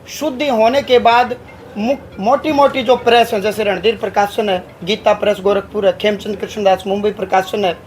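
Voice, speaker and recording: A man's voice: high-pitched, a little hiss or hum, rough recording. A man, a religious leader from Haryana, giving a press statement in a declamatory way, stringing long rhetorical lists. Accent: Haryanvi Hindi.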